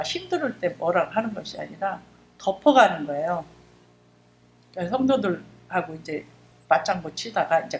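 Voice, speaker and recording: A middle-aged woman, a church deaconess, giving an emotional, fervent testimony in a church service. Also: mid-range voice. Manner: emotional, fervent storytelling, acts out her own prayers. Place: church sanctuary. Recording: echoey church hall with faint hum.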